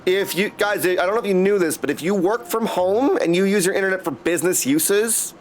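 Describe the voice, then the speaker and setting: Over gameplay on a livestream, a man with a voice that sits high talks a little fast, keeping things friendly and casual with his viewers while music runs behind him.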